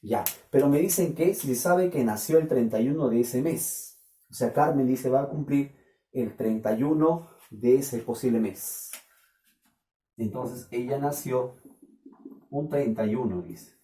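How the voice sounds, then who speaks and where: A man's voice: mid-range voice, unhurried, mellow. A man with a Peruvian Spanish accent, teaching a math class and keeping on asking the students whether they follow. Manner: questioning, keeps checking with students. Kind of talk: classroom lecture. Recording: echoey room, voice from a distance.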